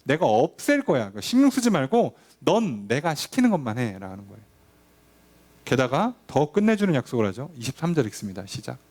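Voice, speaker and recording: A man's voice: medium pitch, big pitch swings, fairly quick, a little mellow. A male pastor teaching a Bible study, talking conversationally with his congregation and acting out quoted voices. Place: church.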